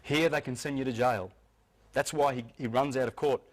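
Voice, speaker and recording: A man speaks to a live audience in an informal, insistent lecture. He often stumbles and doubles back on his words, then presses on. His voice sits at a middling pitch. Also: fairly even intonation, normal speed.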